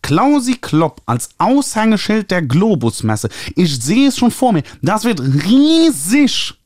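Ein Mann mit luxemburgischem Akzent spricht einen übereifrigen, näselnden Verleger mit hoher, gedehnter Stimme. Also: male voice, high-pitched, big pitch swings, no room sound, clean studio sound, voice pushed up, full character voice. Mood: gushing. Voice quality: nasal. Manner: gushing, fussy, drawn-out. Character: overeager nasal male book publisher.

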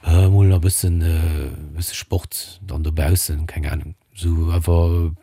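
A man being interviewed in a relaxed chat, talking hesitantly with frequent filler sounds and restarts. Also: low-pitched, a little slow, slightly rough. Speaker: podcast guest.

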